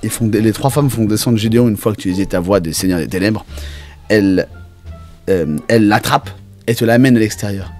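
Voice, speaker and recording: A man's voice: lowish voice, a little fast, a little mellow, soft background music. A man narrating an improvised tabletop game as game master.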